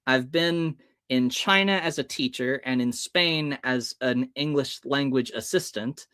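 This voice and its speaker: His voice sits in the mid-range, smooth with a sharp tone, and he keeps a measured pace. He's an American in his early thirties appearing on a podcast, sharing animated personal stories and expressively voicing bits of dialogue.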